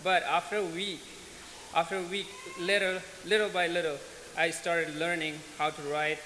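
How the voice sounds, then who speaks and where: Here a man from Afghanistan, in his twenties, recounts his own life to a church audience in a large hall. His voice sits a little high, level yet bright and forceful, and he speaks plainly and earnestly without rushing, sometimes restarting a phrase. The sound is echoey with a faint hiss.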